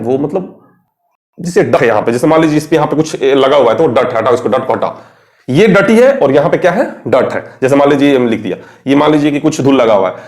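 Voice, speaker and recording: A young Indian man with a slightly high, somewhat mellow voice teaches an English vocabulary lesson at a board. He's chatty, quizzing his viewers and then answering the questions himself.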